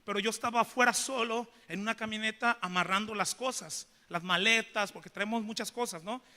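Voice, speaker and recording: High, bright preacher in church. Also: male voice, brisk. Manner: questions the congregation, animated preaching. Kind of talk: sermon with storytelling. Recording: reverberant church hall.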